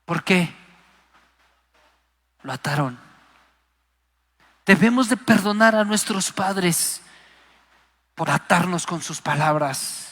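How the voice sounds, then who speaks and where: A man's voice: high voice, takes it slowly, pauses often, fairly bright tone. A man preaching a Pentecostal sermon, passionate and emphatic, acting out the voices he quotes. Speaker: guest preacher. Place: live church service. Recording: long hall reverb.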